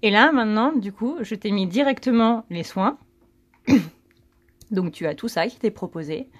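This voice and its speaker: A woman's voice: medium pitch, measured pace. A woman giving a casual, rambling tarot reading, full of fillers and self-corrections. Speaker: tarot card reader.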